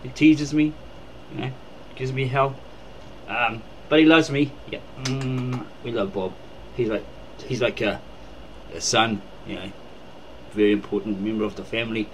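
A man's voice: medium pitch, steady tone, measured pace, a little hiss or hum, low-quality recording. A man rambling casually in a birthday video, full of fillers, recorded indoors at home. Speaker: uncle making a birthday video.

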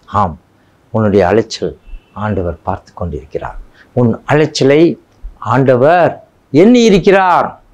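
A male pastor preaching a devotional sermon, slow and emphatic, repeating phrases and pressing on key words. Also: mid-range voice. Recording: dull lo-fi recording.

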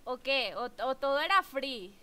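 Bubbly high-voiced Mexican woman streamer. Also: unhurried, clean tone. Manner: bubbly, excitable, chatty, with English exclamations. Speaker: gaming streamer. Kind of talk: live-stream chat while gaming.

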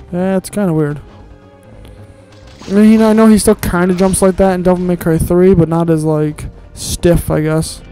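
A man's voice: sits high, warm tone, poor audio. A man giving casual, grumbling let's-play commentary while he plays, with sarcastic asides and casual swearing.

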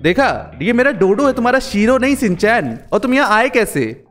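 A man hosting a casual game role-play, talking excitedly with lots of exclamations and fillers. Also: high-pitched, moderate pace, faint music behind. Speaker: gaming channel host.

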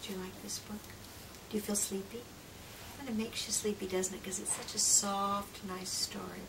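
The speaker is a middle-aged woman with a medium-pitched voice, a children's read-aloud presenter and trainer, gently reading a picture book to young kids. She draws out her phrases, lowers to hushed whispers, and asks the listener questions. It's recorded from a distance on a camera mic in a small room lined with picture books, with clear background noise.

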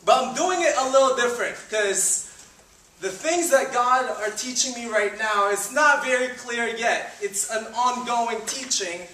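A man in his twenties from the Philippines, a student ministry leader, gives a chatty, upbeat informal sermon from a church hall stage, using many fillers. His voice is very high-pitched, pushed and bright, at a measured pace. A far-off camera with no visible mic captures roomy hall sound from a distance.

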